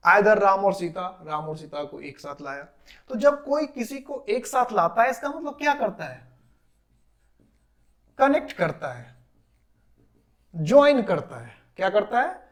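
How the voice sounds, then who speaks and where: A man teaching English grammar in a classroom lecture. He asks questions, answers them himself and repeats key terms slowly. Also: high-pitched, big pitch swings. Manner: drills terms with repetition.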